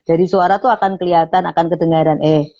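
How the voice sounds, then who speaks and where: Brief: woman trainer, lowish voice, chatty explainer, dull lo-fi call audio. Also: steady tone, quick pace, mellow. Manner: explains with frequent "nah", acts out sample phrases. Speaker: radio station manager and public speaking trainer. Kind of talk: online interview, explaining. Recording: muffled online call audio.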